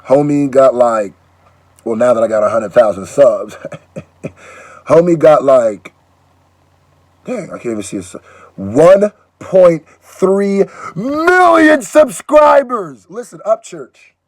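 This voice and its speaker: A man's voice: on the high side, takes it slowly, no echo. A man raised in Nigeria hosting a casual reaction video, joking and cutting in often. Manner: animated, joking, interjecting. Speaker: YouTube reaction host.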